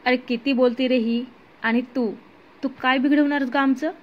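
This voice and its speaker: A woman voicing a fat male hired thug who loudly threatens a captive, heard on a muffled lo-fi recording. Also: very high-pitched, steady tone, moderate pace. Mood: menacing. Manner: menacing, loud.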